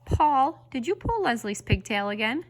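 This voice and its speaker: A woman's voice: fairly high pitch, very animated, normal speed, pitched above the performer's own voice. A woman voicing a stern schoolteacher questioning a pupil in a storybook reading.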